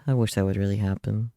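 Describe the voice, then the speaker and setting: Over a noisy background and video game music, a streamer with a lowish, fry-tinged voice reads visual novel text aloud. He adds dry, offhand comments as he goes.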